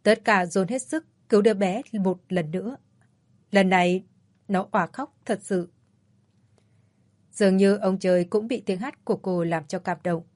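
A woman narrating an audiobook story in a calm, measured way. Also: mid-range voice, no room sound.

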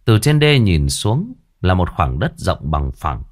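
A man narrating a ghost story in a lively, colloquial storytelling manner. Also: deep voice, unhurried.

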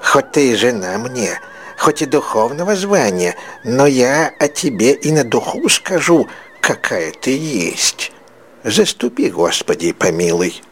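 A man's voice: mid-range voice, big pitch swings, measured pace, a bit bright, a little hiss or hum. A man voicing an irritable, superstitious village church deacon who grumbles and accuses his wife in a whining tone.

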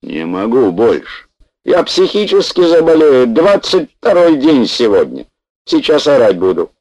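A man's voice: medium pitch, big pitch swings, a little slow, darkish tone, no echo, pitched above the performer's own voice, poor audio. A man voicing a hefty, dim-looking young male hospital patient who whines and pleads, read in an audiobook. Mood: whining. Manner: whining, pleading.

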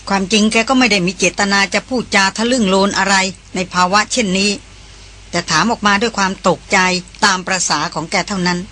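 Woman audiobook narrator, bright tone, steady and vivid storytelling. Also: mid-range voice, brisk, slight background noise. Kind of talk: scripted narration.

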